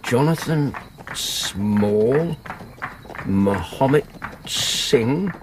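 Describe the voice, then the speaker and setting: An actor playing an earnest, romantic doctor in a radio drama, musing and courteous. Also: male voice, medium pitch, expressive, extremely slow. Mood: curious, puzzled. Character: thoughtful, earnest, romantic English doctor companion. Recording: noisy radio drama ambience.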